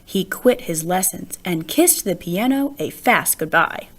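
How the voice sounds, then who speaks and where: A woman with a lowish voice reads a children's picture book aloud, narrating expressively with deliberate phrasing and stressed words.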